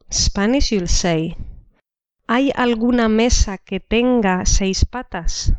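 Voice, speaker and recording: A woman teaching a language lesson, explaining slowly and repeating each example sentence twice. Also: a little high, clean tone, no room sound. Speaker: Spanish teacher. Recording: dull dry lo-fi recording.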